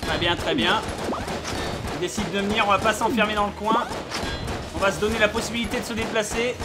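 A man giving live gameplay commentary as a let's play host, excitable, yelping and swearing at the action, with game music behind him. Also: sits high, brisk.

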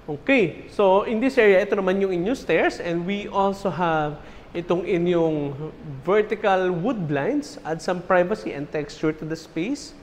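A Filipino man in his forties gives a lively house tour and names each feature as he goes, speaking in a fairly high voice. His lapel mic catches the long reverb of the large bare rooms, with a faint hiss under it. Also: moderate pace. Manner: upbeat, mixes English and Tagalog, lists features. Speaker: real estate house tour host. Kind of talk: walking house tour narration. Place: large empty house with bare hard walls. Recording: lingering hall reverb, faint room hiss.

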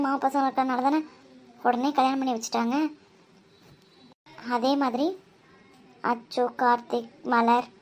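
A woman narrating a family cartoon story in an explaining tone. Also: high voice.

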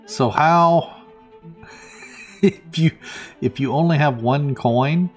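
A man's voice: on the high side, drawn-out words, faint music behind. A man casually commenting on a video game he is playing, thinking aloud with plenty of fillers. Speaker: let's play host.

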